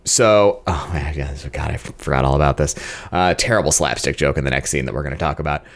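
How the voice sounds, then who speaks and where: A man's voice: rumbling low, fast. A man co-hosting a film podcast, recapping scenes in casual chat with dry exasperation. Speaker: podcast co-host.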